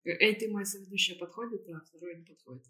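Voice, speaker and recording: Woman, podcast co-host, casual conversation, halting phrasing, searching for words. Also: mid-range voice, sharp tone. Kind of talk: casual chat.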